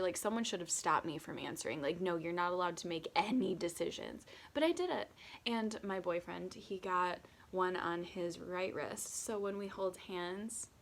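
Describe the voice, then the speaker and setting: Twenties woman, tipsy and self-mocking, low-ish voice, rambling vlog chat. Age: 20s. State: tipsy from drinking. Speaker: vlogger. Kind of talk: casual get-to-know-me chat.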